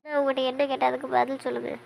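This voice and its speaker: A woman's voice: high-pitched, little pitch movement, rapid-fire, creaky, darkish tone, a little hiss or hum, rough recording. An actress playing a young wife who pleads emotionally and insistently with her injured husband in an audio drama. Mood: pleading.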